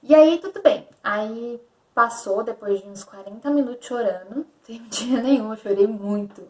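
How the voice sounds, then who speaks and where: A woman's voice: on the high side, normal speed, mellow, recorded from a distance. Young Brazilian woman telling her story in an echoey room. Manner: candid, repetitive storytelling. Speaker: vlogger. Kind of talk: personal confessional vlog.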